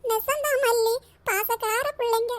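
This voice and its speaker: Cartoon role: very high-pitched doting old grandmother, fond and teasing, voiced by a woman. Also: steady tone, unhurried. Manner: fond, calls granddaughter dear, chuckling. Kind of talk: cartoon voice acting.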